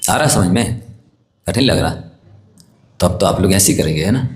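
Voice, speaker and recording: A man's voice: low-pitched, lively intonation, moderate pace, slight background noise. A man, a Jain monk, giving a sermon in an earnest, coaxing way and putting questions to his listeners. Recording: echoey hall.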